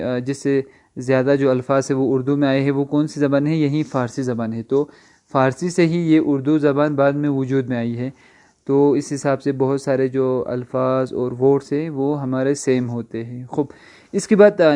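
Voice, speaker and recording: Smooth-voiced man teaching a language lesson. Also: mid-range voice, steady tone, mellow. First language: Urdu. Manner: slow repetitive explaining with rhetorical questions; spells words letter by letter. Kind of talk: recorded online lesson.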